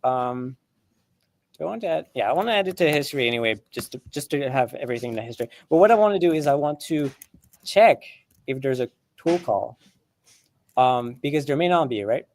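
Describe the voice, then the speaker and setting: Animated and fairly quick, this man's mid-range voice carries a darkish tone. English isn't his first language; as co-host of a live coding stream he chats through explanations, frequently restarting, using fillers and laughing a lot.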